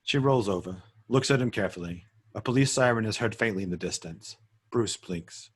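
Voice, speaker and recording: The narrator of this table read is a man reading the screenplay's directions in a fairly low, husky voice. He takes the scene descriptions at a measured pace, sounding scripted.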